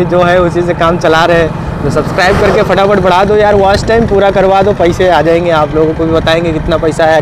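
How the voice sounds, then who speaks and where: A young man narrating a travel vlog while riding on a motorbike, chatting with viewers and a friend. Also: on the high side. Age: young adult. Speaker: vlogger. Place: outdoors on a moving motorbike on a road. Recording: outdoor road noise.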